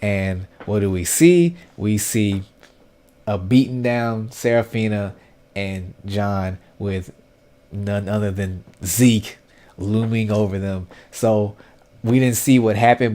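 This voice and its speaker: A man's voice: on the low side, darkish tone. A man recapping a comic episode in casual, opinionated commentary, talking loosely with lots of fillers and slang. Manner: conversational and opinionated, heavy on fillers and slang like "y'all" and "dude". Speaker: webtoon recap host.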